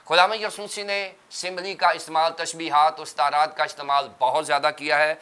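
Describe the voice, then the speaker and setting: A male pastor speaks in a somewhat high voice with a bright, forceful edge. His tone is smooth and crisp. He lays out ideas step by step like a teacher on a TV studio panel. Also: flat delivery. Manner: teacherly, explaining terms step by step. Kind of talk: religious TV panel discussion.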